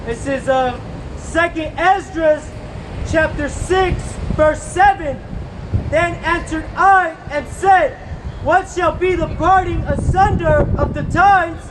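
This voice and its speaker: A person slowly reading scripture aloud on the street. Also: very high-pitched. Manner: slow, deliberate reading. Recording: outdoor street noise.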